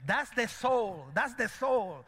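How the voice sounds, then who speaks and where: Animated preacher with a Cuban-born lilt. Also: male voice, extremely high pitch, slow pace, long reverb tail. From Cuba. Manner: animated, dramatic preaching with acted-out voices. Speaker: pastor. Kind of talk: sermon.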